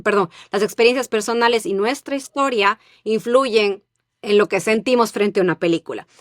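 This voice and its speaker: A woman's voice: medium pitch, normal speed, dry recording. Woman, podcast host, interviewer, short affirmations, open questions, dry close sound.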